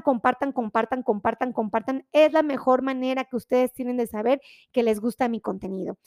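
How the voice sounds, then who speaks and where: A woman's voice: high voice, a little mellow, clear, resonant tone, no echo, clean studio sound. A woman doctor, explaining health topics to viewers in a chatty, friendly way with many fillers.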